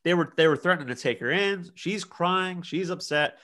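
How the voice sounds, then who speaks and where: A man's voice: high voice, moderate pace. A man in his thirties, a podcast co-host telling a party story in casual chat and acting out the quotes. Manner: animated storyteller, acts out quotes.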